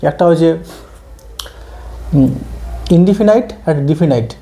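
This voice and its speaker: A man's voice: on the high side, expressive, takes it slowly, dark tone. A man teaching an exam-prep English grammar lesson, explaining step by step and often checking that students follow.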